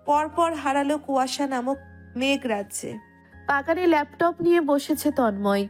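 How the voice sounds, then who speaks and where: High-voiced woman narrating over music. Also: darkish tone. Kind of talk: scripted romantic story narration.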